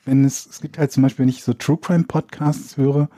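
Opinionated male co-host, mellow dry voice. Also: medium pitch, steady tone, a little fast, no echo. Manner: opinionated, stumbles over words. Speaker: podcast co-host. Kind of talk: casual chat.

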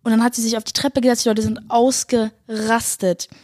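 A young woman tells her viewers a story in a rush of excitement, gushing and a little breathless, with English slang dropped into her German. Her voice sits on the high side. The recording is close and dry, with no room sound. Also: moderate pace, no room sound. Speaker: singer and vlogger.

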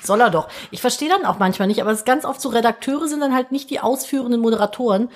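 A woman co-hosting a casual podcast with her husband, chiming in with quick jokes. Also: on the high side. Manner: quick joking interjections. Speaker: podcast co-host. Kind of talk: casual chat.

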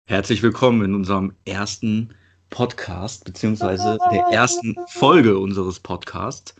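A man's voice: fairly low pitch, big pitch swings, a little slow, a bit bright. A man in his late twenties who hosts a casual podcast chat and puts questions to his co-hosts. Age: 20s. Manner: moderating, asks the others questions. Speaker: podcast host.

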